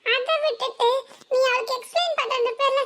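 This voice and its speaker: A woman voicing a sharp-tongued young sister in a cartoon serial, who snaps at her sibling and scolds her with insults. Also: very high-pitched, normal speed. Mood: scolding.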